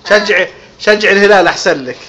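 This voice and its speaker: A woman's voice: medium pitch, fast. Woman consoling a child at home, repetitive and soothing, heavy background noise on the recording. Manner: soothing, repeats reassurances, gently teasing. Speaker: parent comforting a crying child. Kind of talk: home video. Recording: noisy home video recording.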